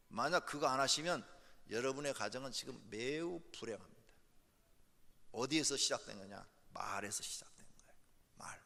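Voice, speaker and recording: A man's voice: on the high side, sharp tone. A male pastor preaching a sermon, emphatic, driving points home by repeating key words. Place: church sanctuary. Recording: echoey church hall.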